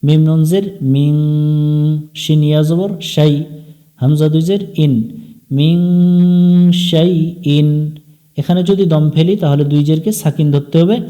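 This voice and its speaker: A man with a Bangladeshi Bengali accent teaches Quran recitation, spelling out letters and vowel marks before chanting each verse slowly. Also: on the high side, dark tone. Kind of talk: slow step-by-step recitation lesson.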